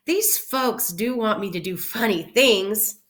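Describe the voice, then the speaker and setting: A woman's voice: medium pitch, expressive, slow, fairly bright tone, reverberant, a little hiss or hum. A woman voicing a cheerful, literal-minded housemaid in a storybook, innocent and eager to please. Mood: pleased.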